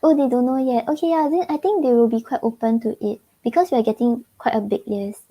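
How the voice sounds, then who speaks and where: This tarot reader, a Singaporean woman with a local English accent, talks fast on a livestream in a high-ish, mellow, steady-toned voice. Her readings are casual and loosely chatty, with frequent giggles and plenty of "like" fillers.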